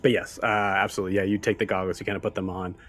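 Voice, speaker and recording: Halting low-voiced male game master. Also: level tone, a bit bright, soft background music. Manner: halting, many fillers and restarts. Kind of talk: narrating a tabletop game.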